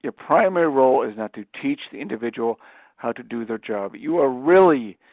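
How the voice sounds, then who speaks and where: A man giving a live webinar lecture, talking fast and animatedly with frequent restarts. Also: mid-range voice, animated, a little mellow, no room sound, highs cut off. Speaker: webinar presenter on supported employment.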